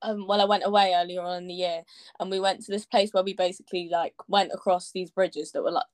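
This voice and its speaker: A woman's voice: lowish voice, flat delivery, quick pace, a little mellow. Easygoing young woman guest. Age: young adult. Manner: easygoing, laughs often, many "like" fillers. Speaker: podcast guest. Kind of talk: casual chat.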